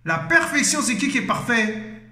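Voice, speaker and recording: A man's voice: extremely high pitch, expressive, moderate pace, bright, forceful tone, reverberant. A man giving an impassioned, fervent exhortation as a preacher, emotional, exclaiming and repeating himself.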